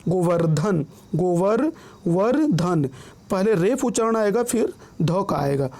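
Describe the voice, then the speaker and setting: Gravelly, mellow-voiced male teacher. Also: high voice, lively intonation. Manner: patient, repeats each word and rule slowly; often checks in with listeners. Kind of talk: online grammar lesson.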